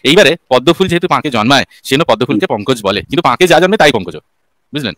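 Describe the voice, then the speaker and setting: A man's voice: medium pitch, big pitch swings, fast talker, a bit bright, dry recording. A man hosting a call-in debate, lecturing a caller with examples and rhetorical questions. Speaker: host answering a caller.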